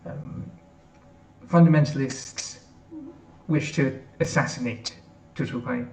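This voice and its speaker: A man giving an earnest prepared tribute as a member of an editorial board, pausing on "um" fillers. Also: medium pitch, darkish tone. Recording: echoey room, mic far off.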